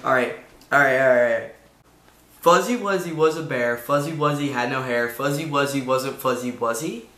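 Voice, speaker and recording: A young man, around his late teens, hosting a casual home vlog with an informal, halting delivery. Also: mid-range voice, bright, forceful tone, slight background noise. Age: teens to young adult. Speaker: video host. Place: indoors in a room at home. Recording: echoey untreated room.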